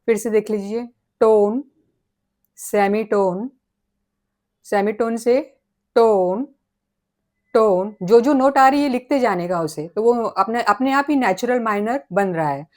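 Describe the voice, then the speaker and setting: A woman giving a relaxed spoken piano lesson, patiently counting tones and semitones and singing note names as she plays. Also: on the high side. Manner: slow and patient, counting notes aloud. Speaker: piano teacher.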